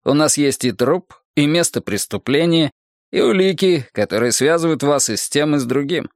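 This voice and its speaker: A man's voice: a little high, expressive, normal speed, no room sound, clean studio sound. A man voicing a stern police detective who speaks firmly and formally to a suspect, in a read-aloud story. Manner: firm, formal.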